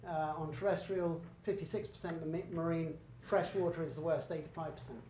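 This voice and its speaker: A man's voice: fairly high pitch, steady tone, brisk, darkish tone. Man lecturing in an echoey hall. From Britain. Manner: conversational and emphatic, with asides and self-corrections. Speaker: guest lecturer. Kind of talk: public lecture with slides. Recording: echoey hall, faint room noise.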